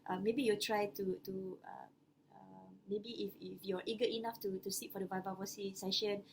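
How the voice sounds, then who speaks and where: A woman's voice: medium pitch, steady tone, normal speed, gravelly, noisy background. A woman with a Malaysian English accent speaking to postgraduate students in an online webinar, hesitant, with many fillers and restarts. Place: home or office, online webinar. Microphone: computer microphone on a video call.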